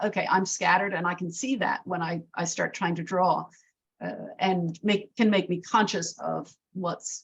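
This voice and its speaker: A woman's voice: lowish voice, slightly rough, muffled recording. A middle-aged woman leading an art workshop discussion, encouraging, often restarting her sentences. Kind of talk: casual group discussion.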